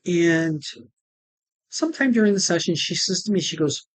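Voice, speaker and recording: A woman vlogger telling her personal story to camera, halting, with restarts, and retelling conversations line by line. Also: on the low side, expressive, no room sound. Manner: retells conversations with "she goes" and "I'm like".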